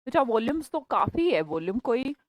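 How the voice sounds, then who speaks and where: A woman's voice: a little high, big pitch swings, no room sound, poor audio. Patient Indian woman teaching English. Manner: explains patiently, often checks "ठीक है?", slows down for English examples. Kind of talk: live online English class.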